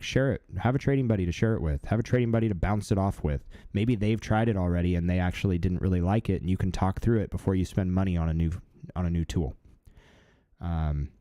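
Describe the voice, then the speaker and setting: Male, 30s, live-stream host; deep warm voice, easygoing and filler-heavy. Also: no room sound, studio quality. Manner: relaxed, chatty, many fillers. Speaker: livestream host. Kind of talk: casual live-stream chat.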